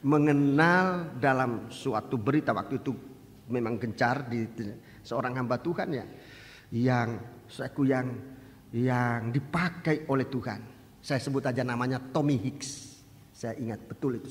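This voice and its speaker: An older male pastor preaching a sermon, moving from quiet conversational asides to loud, rising exhortations and direct appeals to the congregation. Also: medium pitch. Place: church. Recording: long church-hall reverb.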